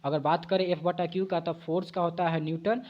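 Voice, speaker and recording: A man's voice: a little high, little pitch movement, fairly quick, lo-fi sound. A man giving an exam-prep physics lesson. He explains step by step at a board, corrects himself as he goes, and repeats key points back to the viewers as questions. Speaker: physics teacher.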